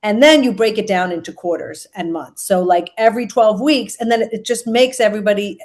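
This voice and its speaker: A woman's voice: medium pitch, brisk, a little mellow. Chatty woman in her fifties rambling. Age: 50s. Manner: rambling, many fillers and restarts. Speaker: podcast guest, food company founder. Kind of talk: casual chat.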